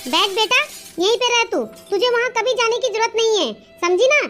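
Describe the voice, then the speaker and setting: A fussing cartoon mother, squeaky and bright. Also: brisk, faint music behind. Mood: indignant. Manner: fussing and coaxing. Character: worried doting middle-aged mother. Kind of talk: cartoon comedy voice acting.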